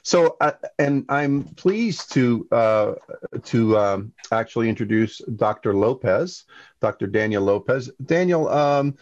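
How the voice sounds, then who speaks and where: A man's voice: mid-range voice, lively intonation, takes it slowly, darkish tone. Upbeat male webinar host, dull audio. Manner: upbeat, many fillers, keeps saying "fantastic". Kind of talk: webinar interview.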